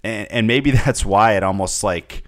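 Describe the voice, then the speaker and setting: A man's voice: on the low side, a little slow, a bit bright, no room sound, studio quality. A young man co-hosting a casual sports podcast, rambling with many fillers and repeated words. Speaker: podcast co-host.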